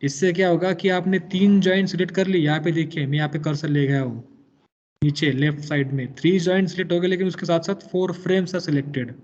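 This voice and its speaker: A man teaching a software lecture to engineering students, explaining patiently step by step, switching often between Hindi and English and quizzing the class. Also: on the high side, fairly even intonation, fast, lo-fi sound.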